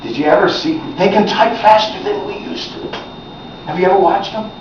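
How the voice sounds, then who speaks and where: A man's voice: high voice, moderate pace, a little hiss or hum. A middle-aged man performing chatty stand-up comedy for a crowd, talking to the audience and cracking jokes. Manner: chatty, jokey, addresses the crowd. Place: senior center hall. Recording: echoey hall, distant and dull.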